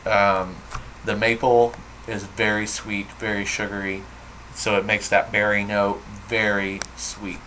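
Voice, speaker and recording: A man's voice: lowish voice, flat delivery, unhurried, sharp tone, a little hiss or hum, low-quality recording. A man chatting enthusiastically on a home video vlog, with lots of fillers like "um" and "so". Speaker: vlogger. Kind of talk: casual chat.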